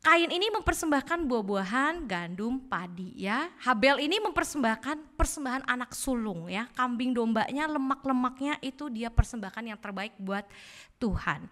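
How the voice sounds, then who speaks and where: A woman preacher giving a lively sermon in a church, quizzing the congregation with playful asides. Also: on the high side, moderate pace. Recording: echoey church hall.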